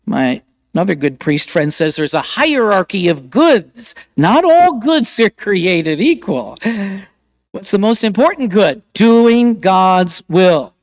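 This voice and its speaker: A man's voice: sits high, sing-song, slow, no echo. A man preaching a sermon, firing off rhetorical questions and often repeating his words.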